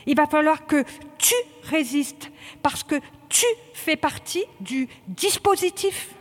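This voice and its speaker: A woman's voice: high voice, animated, slow pace, in a large hall. A woman voicing a stern male police training lieutenant who drills recruits in barked, clipped commands. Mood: coaxing.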